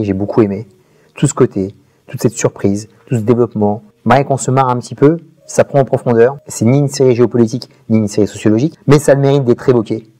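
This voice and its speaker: A man's voice: mid-range voice, mellow. A man giving a casual, slangy TV series review straight to the viewer, calling him buddy. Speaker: video reviewer.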